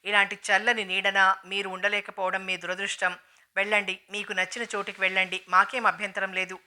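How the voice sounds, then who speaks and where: In an audiobook reading of a novel, a woman voices a stern, dignified matriarch who talks calmly, gravely and in a measured way. Her pitch is medium.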